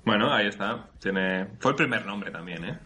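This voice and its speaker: A man co-hosting a casual podcast. His tone is bright and forceful over a lowish pitch, and he stays relaxed and agreeable, laughing easily. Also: normal speed. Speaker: podcast co-host.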